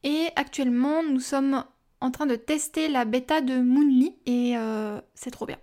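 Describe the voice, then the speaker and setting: A woman's voice: high-pitched, fairly even intonation, measured pace, dark tone. A young woman hosting a podcast, talking casually and personally with many fillers and asides. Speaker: podcast host.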